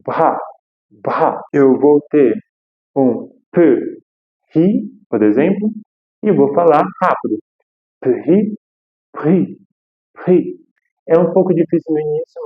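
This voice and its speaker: A man teaching French pronunciation, repeating each example word slowly. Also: mid-range voice, lo-fi sound. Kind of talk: pronunciation lesson.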